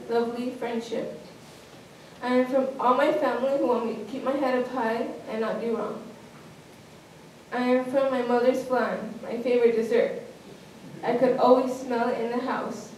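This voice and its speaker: Woman, slightly high voice, reciting a poem in a list-like cadence; distant mic in a very echoey room. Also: a little hiss or hum. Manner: steady repeated list-like cadence.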